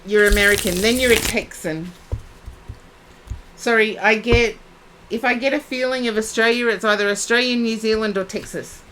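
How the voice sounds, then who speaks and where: A woman's voice: a little high, moderate pace, fairly bright tone, a little hiss or hum, rough recording. A woman giving psychic readings on a live stream, chatting and addressing viewers by name. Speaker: psychic reader.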